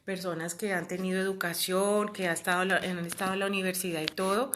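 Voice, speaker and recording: A woman's voice: on the low side, little pitch movement, fast, fairly bright tone. A woman, talking earnestly and casually as a host, with many fillers and quoted voices. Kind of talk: casual talk about psychological abuse.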